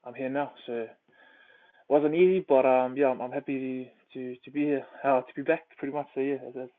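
A man's voice: mid-range voice, steady tone, fairly quick. A young man with a New Zealand accent, a rugby player chatting casually as an interview guest, laid-back with lots of fillers. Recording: tinny phone-like line.

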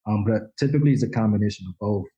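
A man's voice: fairly low pitch, very fast, dark tone, dull audio. A man in his forties from the Dominican Republic, a photojournalist guest chatting loosely with lots of fillers, restarts and casual swearing. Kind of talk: casual interview chat.

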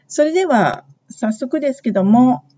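A woman with a fairly high but mellow voice teaches English phrases in a podcast lesson. She explains slowly and models each phrase for listeners to repeat. The recording sounds a little dull and lo-fi. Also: animated.

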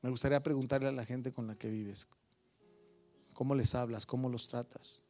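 Gravelly Mexican pastor questioning his flock. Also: mid-range voice, fairly even intonation, moderate pace, darkish tone, faint music behind. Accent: Mexican Spanish. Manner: asks the congregation many questions, teases listeners by name. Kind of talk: sermon. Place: church with a congregation.

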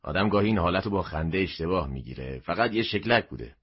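A man's voice: low-pitched, expressive, breathy edge, heavily acted. A man voicing a gloomy, curt shopkeeper who grumbles at customers in an audio story. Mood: flat. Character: gruff gloomy male shopkeeper, dry and curt. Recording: dull lo-fi recording.

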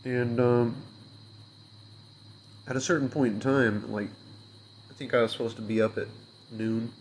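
A man's voice: mid-range voice, little pitch movement, unhurried, slight background noise. A young man in a casual, rambling rant, hungover and unwell, swearing and frustrated, with many fillers.

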